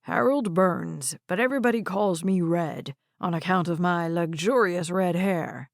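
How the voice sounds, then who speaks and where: A woman voicing a gruff, proud elderly veteran who talks in a slow, folksy, stubborn way. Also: lowish voice, no echo, studio quality.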